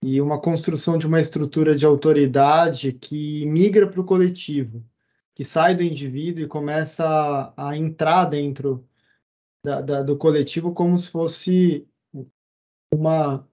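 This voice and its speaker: A man in a meeting giving a thoughtful, halting comment. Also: on the high side, steady tone, mellow. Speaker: meeting participant. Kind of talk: reflective comment.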